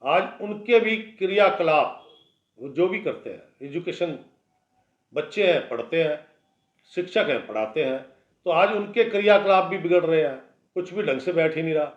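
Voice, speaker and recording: A man's voice: on the high side, expressive, normal speed. Blunt astrologer man, echoey lo-fi. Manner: blunt, warning, conversational lecturing. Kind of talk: daily horoscope talk. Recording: echoey room, dull lo-fi sound.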